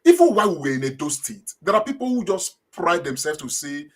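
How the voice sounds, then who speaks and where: This middle-aged guest from Edo State, Nigeria, speaks with a Nigerian accent in a high, very animated and slightly fast voice. He answers interview questions hesitantly, repeating words and often saying uh.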